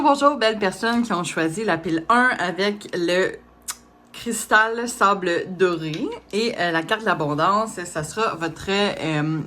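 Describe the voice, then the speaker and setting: A woman's voice: on the low side, fairly bright tone. A woman reading tarot cards, speaking casually with many hesitations and small laughs. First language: French. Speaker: tarot reader.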